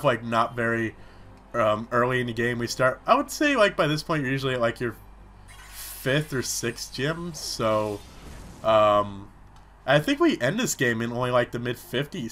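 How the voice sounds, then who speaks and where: Between battles, a young man with a sore throat keeps up chatty, rambling let's-play commentary packed with fillers. He speaks at normal speed in a mid-range, sing-song voice that comes across a bit bright.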